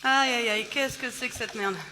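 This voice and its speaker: A stand-up comedian in her forties, with a voice on the high side and a moderate pace, does crowd work and tells stories in a chatty, self-mocking way, laughing often. She's on a theater stage before a live audience, and the noisy live recording is full of loud crowd laughter.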